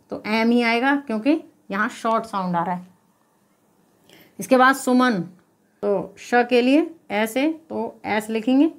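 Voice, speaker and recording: A woman's voice: on the high side, fairly bright tone. A woman teacher explaining spelling step by step, patiently posing questions and then answering them herself. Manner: checks in with repeated "okay?". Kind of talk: spelling lesson.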